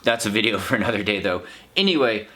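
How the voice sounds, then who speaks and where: An American man with a slightly low-pitched voice talks through his thoughts as a vlogger. His delivery is casual and unscripted, earnest and reflective, wandering from one clause to the next. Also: expressive, fast talker, bright, forceful tone. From United States. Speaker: vlog host, trail runner. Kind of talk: casual unscripted vlog monologue.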